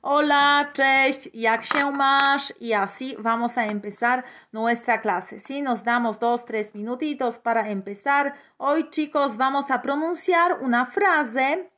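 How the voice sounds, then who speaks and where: A high-pitched woman leads a live online language lesson. She speaks slowly and repeats phrases for her viewers to copy. She is recorded on a phone or webcam for a live stream. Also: a bit bright. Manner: slow, drills phrases aloud and greets viewers. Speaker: Polish language teacher.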